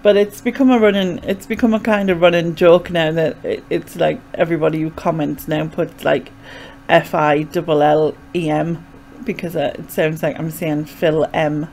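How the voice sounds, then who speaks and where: A woman's voice: sits low, steady tone, normal speed, vocal fry, hardly any pauses, a little mellow, slight background noise. A young woman with a Sunderland Mackem accent, chatting casually and hesitantly as she explains things in a rambling way. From North East England. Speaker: vlogger. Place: small bedroom indoors. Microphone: desk microphone with pop filter, close.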